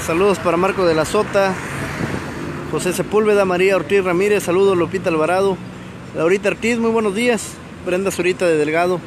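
Brisk and high-voiced, the local reporter covers a crash live from a busy city street, his delivery loose and crowded with fillers. A phone camera captures the scene while he remains off screen, and passing traffic is audible.

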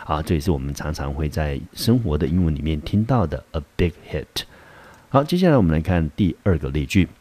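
A man with a deep, low voice, teaching a vocabulary lesson. He explains step by step, sprinkles in filler particles, and reads the English example sentences slowly and carefully. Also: lively intonation, warm tone, dry recording. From Taiwan. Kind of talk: recorded classroom vocabulary lesson.

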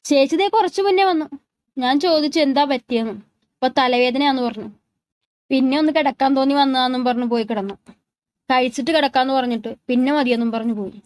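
A woman's voice: high voice, quick pace, natural voice. A woman voicing a sweet, innocent young woman who speaks earnestly and frets over others in a narrated love story. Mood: playful. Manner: earnest and worried.

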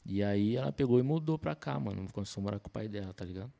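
Gravelly man from Campinas. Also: fairly low pitch, quick pace. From Campinas, Brazil. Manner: relaxed slangy storytelling, many fillers and self-corrections. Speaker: podcast guest. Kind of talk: casual storytelling interview. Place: small podcast studio, indoors. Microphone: desk mic on stand.

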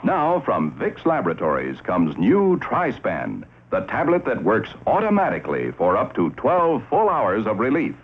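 Highly animated male vintage announcer. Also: normal speed. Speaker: commercial announcer. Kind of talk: scripted vintage ad narration. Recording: dull, slightly noisy old commercial audio.

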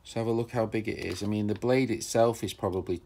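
This tool collector vlogger talks fast in a fairly low, dark voice with fairly even intonation, and a little hiss or hum sits in the recording. He chats casually and enthusiastically while showing off old tools, rambling with many fillers in his show-and-tell narration.

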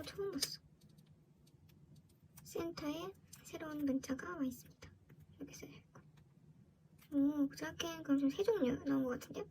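High-pitched girlish woman, casual unboxing vlogger. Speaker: vlogger opening collectible merchandise. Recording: clearly noisy background.

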